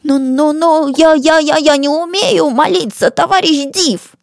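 A woman's voice: high voice, lively intonation, unhurried, dry recording, studio quality, voice pushed up. A woman voicing a sly, cowardly ex-mullah of forty-two who fawns and stammers. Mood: pleading. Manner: fawning, stammering, pleading.

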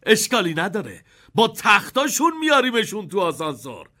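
Playful old chocolate maker by male reader, high bright voice, lively lilt. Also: exaggerated voice.

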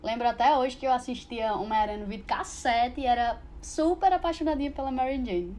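A woman's voice: on the high side, brisk, darkish tone. A young woman, chatting fondly about her youth as a guest. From Mossoró, Brazil. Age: young adult.

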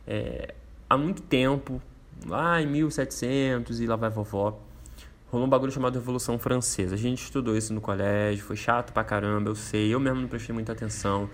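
Male host, Brazilian Portuguese accent, casual slangy explainer, mid-pitched and easygoing. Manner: laid-back, slangy, rambling with fillers.

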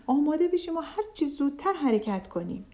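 Woman playing a bubbly, loyal storybook duck, eager, warm. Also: high voice, sing-song, pitched above the performer's own voice. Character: cheerful, loyal second duck.

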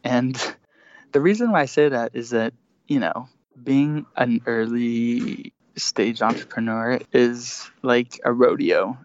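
A man's voice: mid-range voice, slow pace, a little hiss or hum. A man in his thirties from Switzerland, a startup founder talking as a guest on a remote call, hesitant, with many fillers and restarts. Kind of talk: casual interview. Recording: dry, dull lo-fi remote audio.

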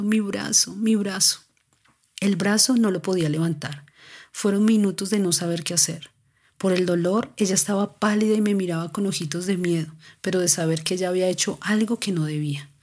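Woman telling a personal story, kinda husky low voice, talks right to you. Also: a little mellow. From Colombia. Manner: earnest, confiding, addresses the listener directly. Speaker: mother telling a family story.

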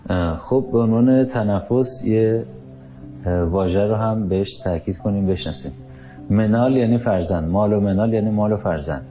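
A man hosting an interview, calmly asking probing questions and explaining words. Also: fairly low pitch, soft background music. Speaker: interviewer host.

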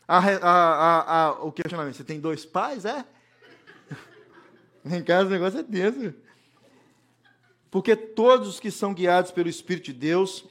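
Storytelling pastor, higher voice. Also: male voice, a bit bright. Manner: storytelling, acts out dialogue, jokes. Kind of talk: humorous sermon with stories.

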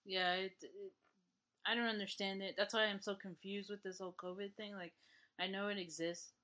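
Brief: female co-host from New York, animated, ranty, laughs a lot, mid-pitched voice. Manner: animated, quick to rant and laugh. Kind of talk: casual chat.

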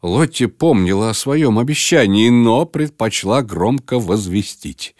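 A man hosting and narrating a children's book reading in an expressive manner. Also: on the low side, measured pace, dry recording, studio quality. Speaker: storyteller host.

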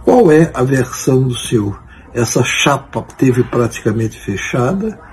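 An older man with a Brazilian accent, putting interview questions in measured, halting and deliberate phrases. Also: mid-range voice, lively intonation, a little mellow, slight background noise. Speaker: journalist interviewer.

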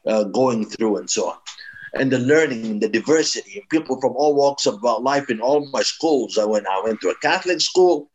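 A man's voice: mid-range voice, lively intonation, normal speed, slight background noise, poor audio. A man from East Africa, a branding expert being interviewed, explaining in an emphatic, advising way with frequent restarts.

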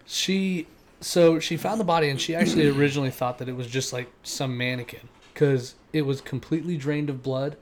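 A man's voice: on the high side, fairly quick, a little hiss or hum. A man, co-hosting a podcast and telling a true-crime story in loose, casual chat with fillers and swearing. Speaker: podcast co-host.

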